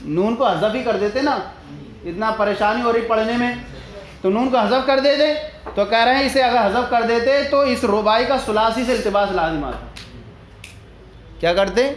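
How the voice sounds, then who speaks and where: A man teaching a religious studies lesson. He explains a text line by line, asks questions and answers them himself, and repeats his points. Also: very high voice. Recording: echoey room with faint background noise.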